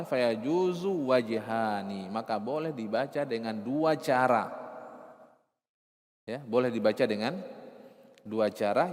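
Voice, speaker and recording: A man teaching recitation rules, explaining with rhetorical questions and repeating key terms, sometimes slowly chanting verses. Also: mid-range voice, long reverb tail. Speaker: Arabic and Quran recitation teacher.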